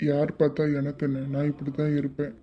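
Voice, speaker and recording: A man's voice: high-pitched, normal speed, lightly acted. [name], a man doing a cheeky young guy. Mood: low teasing. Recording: slightly dull lo-fi audio.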